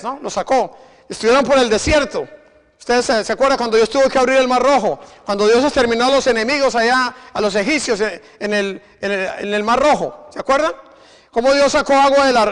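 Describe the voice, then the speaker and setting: A man's voice: very high voice, a bit bright, clear, resonant tone. A male preacher giving a sermon, exhorting his congregation and firing rhetorical questions at them. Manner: exhorting, repeats "imagine". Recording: long reverb of a hall.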